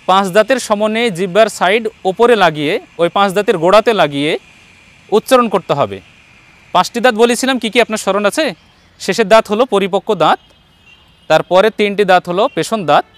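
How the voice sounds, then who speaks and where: High-voiced patient Bengali male teacher. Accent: Bangladeshi Bengali. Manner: patient, encouraging, repeats each letter slowly. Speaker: Quran teacher. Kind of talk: online lesson on letter pronunciation.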